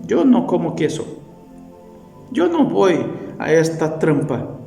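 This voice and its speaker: A man's voice: on the high side, sing-song, slow, creaky, dark tone, pitched above the performer's own voice, exaggerated voice. A man with a Brazilian Portuguese accent voicing an indifferent, dismissive hen in a sermon story, in an echoey hall with faint music. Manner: curt and dismissive.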